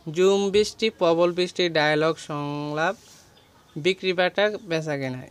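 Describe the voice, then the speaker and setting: A man's voice: on the high side, steady tone, normal speed, smooth. A young man teaching an exam-preparation lesson, going page by page through a textbook and listing words with their meanings.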